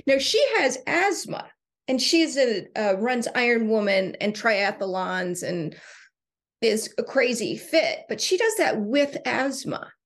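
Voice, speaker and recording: A woman co-hosting a podcast in casual chat, telling stories with animated delivery and frequent laughter. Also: on the high side, slow. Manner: storytelling, animated, laughs often. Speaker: podcast co-host and coach.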